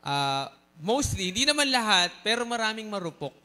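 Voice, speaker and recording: A man preaching a sermon in a lively, teasing way, mixing in English phrases and joking asides to the congregation. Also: high voice, moderate pace. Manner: mixes Tagalog and English. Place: church service.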